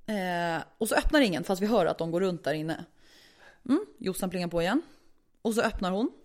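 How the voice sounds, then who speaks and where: A woman telling a story in casual chat, animated, indignant, and swearing freely. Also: fairly low pitch.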